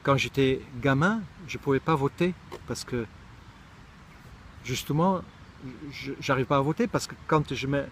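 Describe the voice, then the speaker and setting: A man's voice: mid-range voice, measured pace, a little hiss or hum. A middle-aged man from Israel giving a reflective monologue, thoughtful and searching for words, often restarting his sentences. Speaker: speaker sharing personal reflections.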